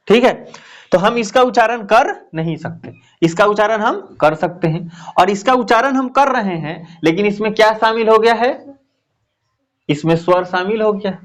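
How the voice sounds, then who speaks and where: A man teaching a Hindi grammar lesson, asking questions and answering them himself, with lots of repetition. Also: high-pitched. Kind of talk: classroom lesson explaining grammar.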